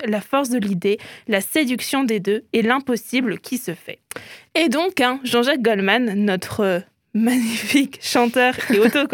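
A woman's voice: on the high side, no echo, studio quality. A woman hosting a radio show, chatting playfully about pop culture and often adding "hein".

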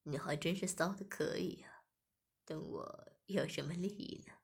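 A woman voicing a smug, domineering adult man in a read-aloud audio story, with a lowered, mocking delivery. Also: normal speed, creaky, breathy edge, exaggerated voice. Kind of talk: erotic audio story reading.

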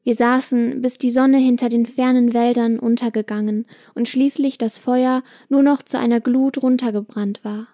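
A young woman voicing a gentle, loving granddaughter who pleads earnestly with her grandfather. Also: on the high side, level tone, normal speed, few pauses, no echo, studio quality, natural voice.

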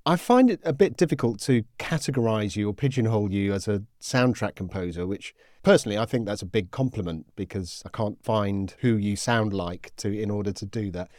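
A man's voice: on the low side, a little fast, hardly any pauses, a little mellow, no room sound, studio quality. A man hosting a podcast, chatting casually and reading out listener messages. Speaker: podcast host. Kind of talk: casual interview chat.

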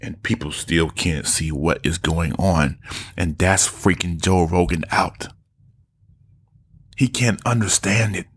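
A man giving casual, animated commentary on podcast clips, mocking and often jumping into high voices to impersonate people. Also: takes it slowly, husky.

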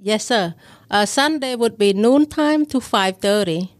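A woman from Thailand who runs a restaurant, answering interview questions politely in halting, simple English. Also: medium pitch, animated, dry recording, clean studio sound. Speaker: food court restaurant owner. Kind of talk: interview guest.

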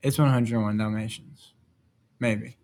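A man's voice: on the low side, fairly even intonation, measured pace, a little mellow. A young man answering his dad's trivia questions, thinking aloud in a playful, exclaiming way. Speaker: quiz contestant. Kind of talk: casual family trivia chat.

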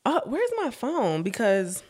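A woman's voice: on the high side, big pitch swings, a little slow, a little mellow, husky. A young woman hosting a casual podcast for moms, chatty, often laughing and calling her listeners y'all. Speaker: podcast host.

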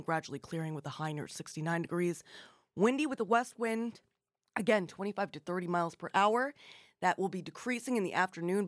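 A woman's voice: on the low side, dry recording, clean studio sound. A woman hosting a radio show in a conversational style. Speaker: radio host.

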